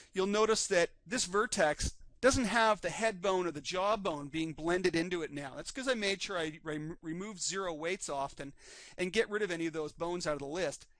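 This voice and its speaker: A man teaching a live 3D rigging class, calmly narrating each step on screen while his voice is slightly worn. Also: high-pitched, no room sound. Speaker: 3D rigging instructor. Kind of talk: live screen-recorded software tutorial.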